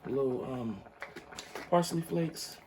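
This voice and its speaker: Still in his morning voice, a young cooking-channel host demonstrates a recipe in his living room using a pot on a hot plate, laid-back and chatty, calling viewers "y'all." He speaks slowly in a dark, mid-range voice, and the audio is poor, with a little hiss or hum.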